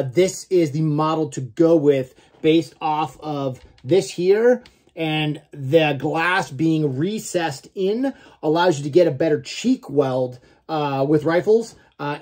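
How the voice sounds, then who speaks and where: A man's voice: on the high side, a little mellow. A man in his forties giving a casual product review to camera, informal and a little salty, often checking in with "okay?". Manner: informal, mildly profane, frequent "okay?" check-ins. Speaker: gear reviewer. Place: small room at home, indoors.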